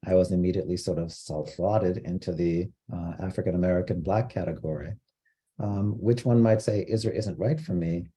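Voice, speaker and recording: Man, from Costa Rica, training lecture, measured, explanatory, husky, dark tone. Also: deep voice, steady tone. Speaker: diversity trainer.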